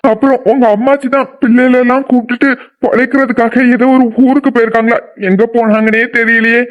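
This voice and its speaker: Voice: medium pitch, level tone, fast talker, lo-fi sound, close to an everyday voice. A voice actor playing a remorseful middle-aged father in a cartoon drama, lamenting and blaming himself. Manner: lamenting, self-blaming, then angry.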